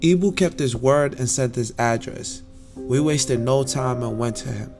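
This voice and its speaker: A man giving vlog voice-over narration in a brisk, matter-of-fact way. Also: medium pitch. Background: music.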